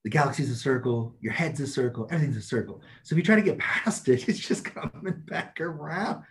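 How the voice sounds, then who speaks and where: A man's voice: mid-range voice, animated, fast talker. A man talking bluntly and emphatically as an interview guest, laughing often as he makes his points. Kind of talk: casual chat.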